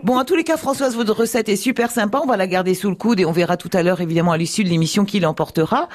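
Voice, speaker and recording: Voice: mid-range voice, very fast. A radio host in a friendly, chatty manner, taking callers and moving the show along. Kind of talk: radio call-in hosting.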